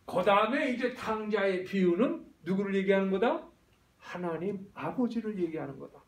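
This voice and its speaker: Man, pastor, sermon, high voice, wide swinging pitch, roomy church echo. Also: moderate pace. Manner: lively preaching, questions to the congregation. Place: church sanctuary. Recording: echoey church hall, voice from far.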